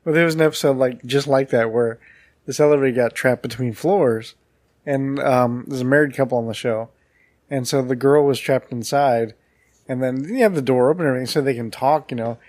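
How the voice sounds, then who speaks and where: A man's voice: mid-range voice, brisk, a little mellow, dry recording. A man in easy podcast banter who laughs often and rattles through his stories. His voice sits in a middle range, recorded dry and close. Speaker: podcast co-host. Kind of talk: casual banter.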